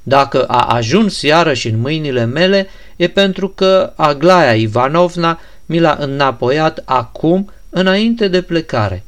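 An unflappable, courteous young prince voiced by a male reader, answering patiently and politely. His voice sits fairly high and stays even in an audiobook scene. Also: natural voice. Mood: calm. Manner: calm, courteous, even-toned.

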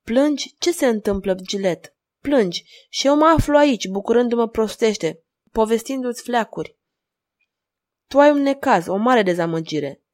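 A woman's voice: a little high, expressive, a little mellow, pitched above the performer's own voice, lightly acted. Woman reading as a doting aging jester father. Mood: worried. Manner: emotional theatrical reading, raised voice.

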